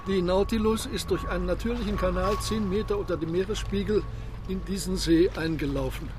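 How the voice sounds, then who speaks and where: An actor playing a proud, secretive submarine captain in a German radio drama, speaking in a measured, formal, commanding way. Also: male voice, high voice, music in the background, lightly acted. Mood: proud, assured.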